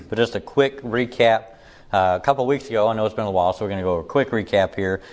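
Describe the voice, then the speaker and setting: A man leads a casual Bible lesson in a fairly low voice. He sounds slightly hoarse, as if still getting his voice back. He keeps a steady, level, near-monotone delivery. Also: fast. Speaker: Bible teacher.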